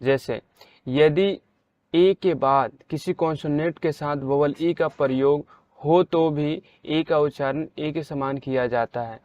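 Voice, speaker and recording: A male teacher talks through pronunciation rules at a very slow, careful pace, with a slightly high voice. He gives each example word loud, clear stress. The sound is smooth and dry, close to the mic. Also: no room sound, muffled recording. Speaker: English reading teacher. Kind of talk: slow spelled-out pronunciation lesson.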